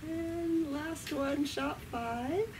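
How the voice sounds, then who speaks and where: A woman co-hosting an airgun video, giving quiet, brief remarks as she shoots at an outdoor range. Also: high voice, extremely slow. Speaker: co-host and shooter. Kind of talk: casual commentary while shooting. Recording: distant mic with loud background noise.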